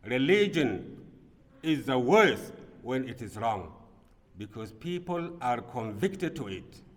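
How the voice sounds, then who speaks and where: A man from Burkina Faso delivers a Friday sermon in an earnest preaching voice of middling pitch. His delivery drops low and quiet, then rises into emphatic bursts. The long reverb of a large mosque hall trails behind each phrase. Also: sing-song, slow. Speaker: imam.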